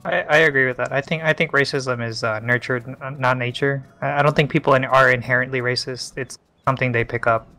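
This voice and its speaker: A man's voice: mid-range voice, steady tone, a little fast, few pauses, pushed and bright, faint music behind. A man in casual stream chat, joking and teasing his friends.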